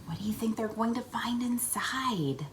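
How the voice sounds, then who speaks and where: Over background noise, a woman whose voice is a little high reads a kids' picture book at a moderate pace. As a read-aloud host, she performs it expressively, asking coaxing questions, adding asides to young listeners, and acting out sound words.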